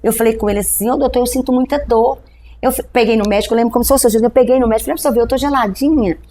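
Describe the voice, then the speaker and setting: Middle-aged Brazilian woman pastor, rapid lively storyteller, acts out the dialogue, faint background noise. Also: fairly high pitch. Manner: animated storytelling, acting out dialogue with a doctor. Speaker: pastor, guest telling her testimony. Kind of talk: testimony in a podcast interview.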